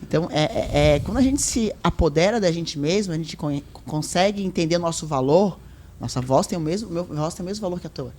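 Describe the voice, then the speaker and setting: Fast-talking woman telling animated stories. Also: fairly low pitch, slight background noise. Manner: animated storytelling, quotes herself and others. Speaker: podcast guest. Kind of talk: casual podcast conversation.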